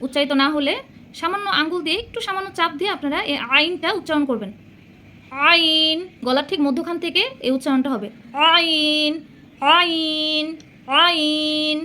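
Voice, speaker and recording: A woman teaching Arabic letter pronunciation as a patient Quran reading teacher, sounding out each letter slowly and repeating it with care. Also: high voice, pushed and bright, slight background noise. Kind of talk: slow recitation lesson.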